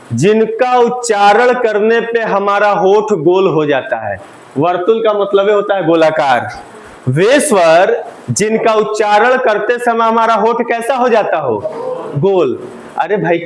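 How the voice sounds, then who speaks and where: A man's voice: sits high, animated, a little slow. A male teacher giving a Hindi grammar lesson, asking the class questions and having them repeat the answers. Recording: roomy classroom echo.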